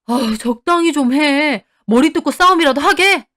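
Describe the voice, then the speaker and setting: A woman voicing an exasperated young husband in a storybook drama who shouts to stop a family fight. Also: high voice, very animated, moderate pace. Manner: loud pleading shouts. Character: exasperated young husband trying to calm his wife.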